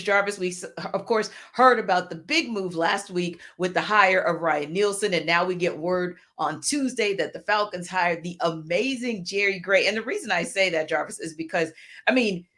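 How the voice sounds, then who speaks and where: Female sports podcast co-host, lowish voice, articulate and measured. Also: a bit bright. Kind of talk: casual sports podcast talk.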